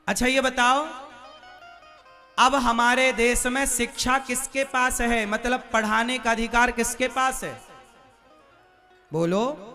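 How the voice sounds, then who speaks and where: A male preacher speaks slowly to a gathering, his voice unusually high and bright. He keeps turning to the crowd with rhetorical questions, and faint music plays behind him. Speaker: religious preacher.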